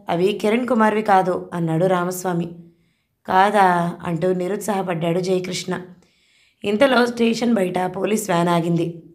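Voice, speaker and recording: A woman's voice: mid-range voice, darkish tone. A woman with a Telugu accent narrating a suspense novel, reading every character's lines in her own voice with light acting. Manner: reads all characters in her own voice, dialogue lightly acted. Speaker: audiobook narrator.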